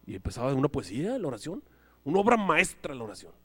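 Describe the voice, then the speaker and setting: A man preaching a sermon, animated, acting out little scenes and voices as he goes. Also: a little high, quick pace, slightly rough. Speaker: pastor. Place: church hall. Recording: live church hall reverb.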